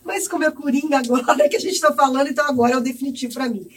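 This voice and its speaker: A woman's voice: high-pitched, very fast. A Brazilian woman chatting emphatically as a film panelist, often calling out to the group. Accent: Brazilian Portuguese. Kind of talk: casual chat. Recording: voice from far off the mic.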